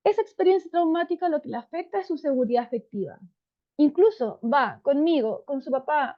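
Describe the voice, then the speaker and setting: A woman psychologist explains things to parents in a warm, calm, unhurried tone, often checking in with them. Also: sits high. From Chile. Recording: dull lo-fi sound.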